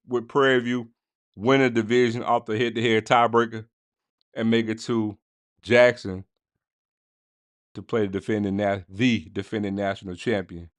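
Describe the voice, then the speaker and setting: Animated man hosting a sports podcast. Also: on the low side, no echo. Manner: animated, slangy, talks straight to listeners and chat. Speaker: podcast host. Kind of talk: casual sports podcast monologue.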